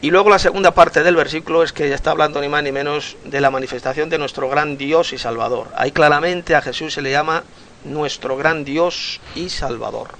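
A man's voice: a little high, brisk, a bit bright, slight background noise. Earnest man teaching Bible study. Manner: earnest, emphatic, repeats key words, frequent "eh" fillers.

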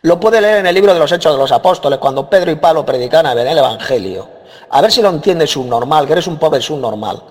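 A man's voice: fairly high pitch, expressive, quick pace, long reverb tail. A man with a Spain Spanish accent, aggressive and insulting, attacking an opponent in a heated religious debate. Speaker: debate participant.

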